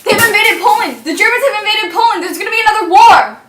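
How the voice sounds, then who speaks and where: Woman as earnest young wartime character, very high pitch, scripted drama, echoey room, noisy recording. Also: normal speed, recorded from a distance. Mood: alarmed. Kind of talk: amateur scripted period drama.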